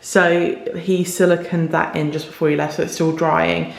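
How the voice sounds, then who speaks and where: A woman's voice: low voice, little pitch movement, moderate pace, vocal fry. A woman vlogger chatting casually on camera while showing a tiled bathroom, her voice echoing off the hard walls. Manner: chatty, with repeated intensifiers. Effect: room echo from tiled bathroom. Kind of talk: casual home renovation vlog. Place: echoey tiled bathroom, indoors.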